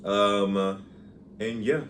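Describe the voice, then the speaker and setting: A man's voice: on the low side, slow pace. A young man co-hosting a casual podcast, easygoing and slangy, recorded on a phone. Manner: easygoing, laughs along, slangy. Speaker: podcast co-host. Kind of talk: casual chat. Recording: faint ambient noise, phone mic.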